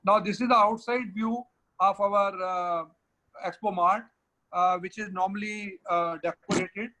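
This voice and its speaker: A man with an Indian English accent hosts an online webinar for the organizing body, explaining a virtual trade fair, directing a colleague, and switching between English and Hindi. His high voice is steady, unhurried, bright and forceful, on a low-quality recording.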